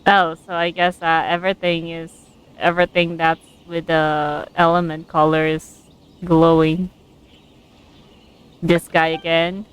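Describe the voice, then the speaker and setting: A woman game streamer sits close to her microphone, chatting casually and reacting aloud to a story while she plays and reads along. Her voice is low and smooth, with a flat, measured delivery and frequent pauses.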